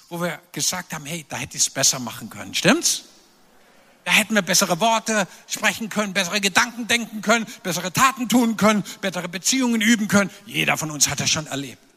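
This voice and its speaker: A man preaching a sermon, animated and emphatic, with playful asides to the congregation. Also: high-pitched. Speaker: pastor. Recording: long reverb of a large hall.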